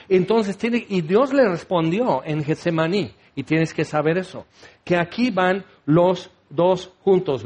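A man preaching a sermon, teaching with rhetorical questions and acting out the voices he quotes. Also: sits high.

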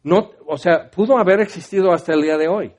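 A man's voice: high-pitched, brisk, darkish tone. A middle-aged man with a Mexican accent preaching a heartfelt personal testimony in a conversational way, often restarting his sentences. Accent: Mexican Spanish. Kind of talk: testimony sermon.

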